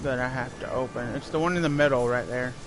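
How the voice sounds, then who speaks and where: A man's voice: medium pitch, fast. A man giving casual, off-the-cuff commentary while streaming a video game. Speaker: gameplay streamer. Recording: noisy, game sound behind.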